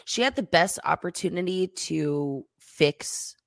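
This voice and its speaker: Podcast cohost lady, kinda low voice, tells stories and laughs a lot, dry mic. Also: lively intonation, slow pace, vocal fry, dry recording. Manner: storytelling, acts out quotes, laughs often. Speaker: podcast co-host. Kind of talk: casual chat.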